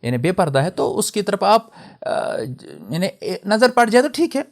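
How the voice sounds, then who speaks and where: A man's voice: high voice, big pitch swings. A young man teaching an Islamic lesson, explaining terms carefully and slipping into English mid-sentence. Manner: spells out and contrasts word pronunciations. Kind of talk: religious lecture.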